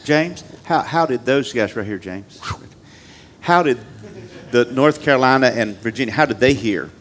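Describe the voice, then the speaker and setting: A man in the audience asking curious, halting questions. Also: medium pitch, expressive, fairly bright tone.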